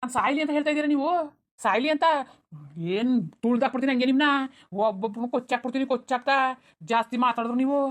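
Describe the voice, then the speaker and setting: A woman's voice: high-pitched, fairly even intonation, close to an everyday voice. A woman voicing a drunk, abusive middle-aged village father who snarls threats, for a cartoon. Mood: angry. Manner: snarling threats, rapid scolding.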